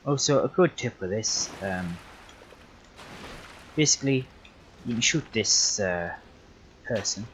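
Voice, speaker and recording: A young man livestreams his gameplay, offering relaxed, rambling commentary in a lowish voice. He speaks slowly with long pauses, often correcting himself and using many fillers, on a rough recording with slight background noise.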